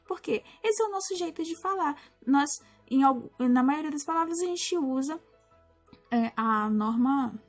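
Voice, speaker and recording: A Brazilian woman teacher explaining a lesson to primary school pupils in a patient way, often pausing and restarting. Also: high voice. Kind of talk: recorded class explanation.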